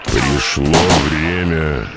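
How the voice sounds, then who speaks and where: Ominous, very slow godlike entity. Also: male voice, a bass voice, exaggerated voice. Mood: ominous, commanding. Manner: solemn, commanding, measured. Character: ominous godlike male entity luring humans with promises. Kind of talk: video game voice acting. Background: loud game music.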